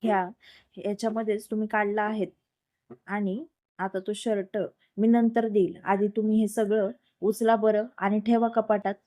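A woman's voice: medium pitch, level tone, unhurried, dark tone, close to an everyday voice. A woman reading a storybook voices a young married wife who scolds sharply and sounds worn out. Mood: scolding. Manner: scolding, exasperated.

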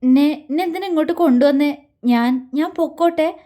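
A woman voicing a frightened, tearful young woman who stammers softly. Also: high voice, normal speed, lightly acted. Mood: scared, tearful. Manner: trembling, stammering, soft-voiced.

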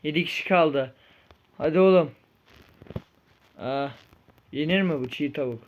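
A young man commenting on his own game play, frustrated and pleading, muttering one moment and yelling the next. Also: on the high side, normal speed, muffled recording. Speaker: gaming streamer. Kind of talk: Minecraft-style game commentary.

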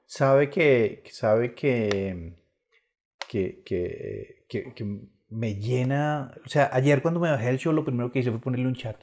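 A man's voice: medium pitch, slow pace, darkish tone. Chatty middle-aged Colombian man. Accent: Colombian Spanish. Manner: chatty, stammering restarts, laughs often. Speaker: comedian guest. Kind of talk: casual podcast chat.

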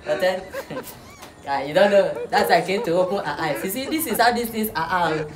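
A woman's voice: lowish voice, a little fast. A woman giving a joking spelling lesson, playful and repetitive, laughing often. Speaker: comic host. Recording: roomy echo.

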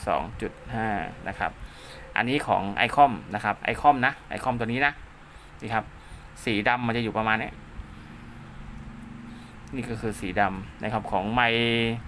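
Drawing diagrams as he works, a man running a DIY radio repair channel talks through an informal tutorial, repeating himself and adding small spoken sound effects. His fairly bright, medium-pitched voice keeps a fairly even intonation at a moderate pace, pausing often, with slight background noise.

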